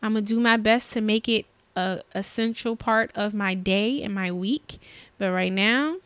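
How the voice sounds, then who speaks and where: A woman's voice: medium pitch, moderate pace, a bit bright, smooth, no room sound. A woman hosting her own podcast, talking in an earnest, chatty, motivational way about her schedule and her goals. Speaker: podcast host. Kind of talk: solo podcast monologue.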